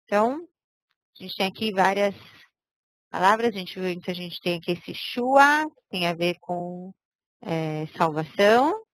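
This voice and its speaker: A woman's voice: on the low side, expressive, a little slow, dry recording, poor audio. A woman teaching a language lesson, patiently explaining step by step and checking in with her students. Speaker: Hebrew teacher.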